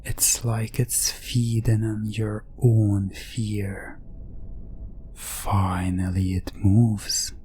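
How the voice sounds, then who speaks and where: Here a man tells a second-person hypnotic ASMR story, breathy and frequently whispering, with long silences and recurring phrases. His pitch is fairly low, his tone level and dark, and a faint hiss or hum runs under the audio.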